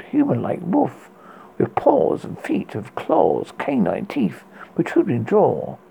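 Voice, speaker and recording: A man in the manner of a horror host, reading a scary story with a halting, stumbling delivery and a husky, gravelly voice. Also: a little high, dark tone, rough recording.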